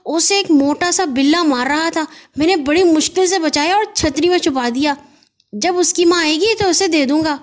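A woman voicing an excitable little boy in a children's audio story, firing off hurried, eager questions and talking out of breath. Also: high-pitched, pitched above the performer's own voice, close to an everyday voice. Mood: breathless.

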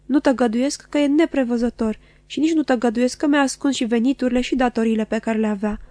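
A melodramatic middle-aged wife, voiced by a woman reader in a storybook reading. She declaims with insistent, tearful loyalty in a somewhat high, warm voice, close and dry. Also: no echo, natural voice. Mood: tearful, dramatic. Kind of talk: audiobook character voice.

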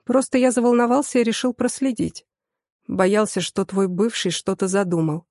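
A woman reader giving voice to a composed young man who meets every outburst with dry, good-natured calm. The tone is mellow and unhurried, set a touch lower than a woman's usual speech. It is an audiobook character voice recorded close and dry. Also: no room sound, lightly acted. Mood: earnest. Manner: unruffled, dry and good-humoured. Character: calm, teasing young man, the heroine's fiancé.

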